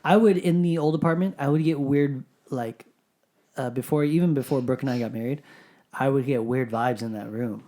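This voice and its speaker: A woman co-hosting a podcast, with a low voice and a relaxed, joking manner. She teases her co-host and asks questions in easy casual chat. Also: normal speed. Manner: joking, laid-back, teasing.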